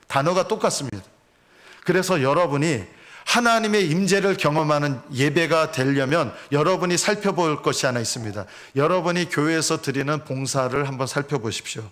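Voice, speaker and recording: Brief: male pastor, earnest sermon, slightly high voice, rhetorical questions. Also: a bit bright.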